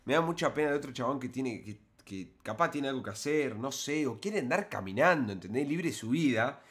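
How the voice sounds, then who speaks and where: A man's voice: mid-range voice, expressive, a little fast, a bit bright. A man with an Argentine Spanish accent, a streamer giving indignant, colloquial commentary while reacting to a video. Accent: Argentine (Rioplatense) Spanish.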